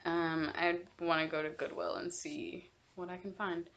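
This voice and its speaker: A young woman with a somewhat low voice talks casually about her stitching projects. She rambles, stops to correct herself and fills the pauses with ums. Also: little pitch movement, creaky, fairly bright tone, lo-fi sound. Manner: chatty, rambling, many ums and self-corrections. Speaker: cross-stitch vlogger. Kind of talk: casual chat.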